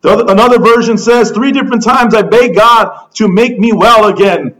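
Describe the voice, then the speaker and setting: A man's voice: high-pitched, fairly quick, a bit bright, low-quality recording. A man preaching a sermon as pastor, passionately acting out the pleading prayers of his listeners.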